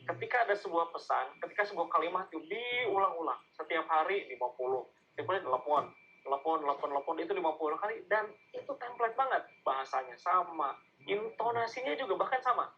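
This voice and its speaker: A man's voice: a little high, expressive, fast talker. Chatty man teaching marketing, slightly muffled. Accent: Indonesian. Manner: conversational, asks the audience questions, acts out sales calls. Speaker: digital marketing speaker. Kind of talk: online masterclass lecture.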